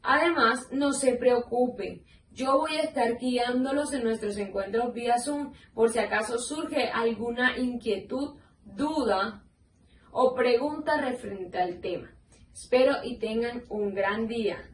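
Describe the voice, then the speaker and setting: A woman teaching a recorded online grammar lesson, walking her class through each point step by step and asking them questions along the way. Her voice sits fairly high and sounds a little distant from the mic. The room is echoey, with a faint hiss underneath. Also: measured pace.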